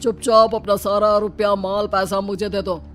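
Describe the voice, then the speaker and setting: A man playing a gruff, menacing street thief in a cartoon story, barking out his words. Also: high voice, level tone, normal speed, a bit bright, faint music behind. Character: gruff male street thief demanding money. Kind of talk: animated moral story acting.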